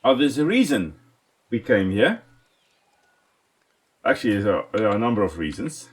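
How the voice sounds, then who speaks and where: A lively South African man whose first language is Afrikaans narrates gameplay as a let's play host and ecologist. His voice runs on the low side at a normal speed, and he's enthusiastic and chatty, even talking to the animals on screen in this casual commentary.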